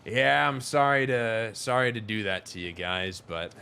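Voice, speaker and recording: A man's voice: on the low side, measured pace, gravelly, sharp tone, clear, resonant tone. A young adult man from Wisconsin, chatting casually and rambling frankly to his viewers during a gaming livestream. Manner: rambling, frank, talks to chat.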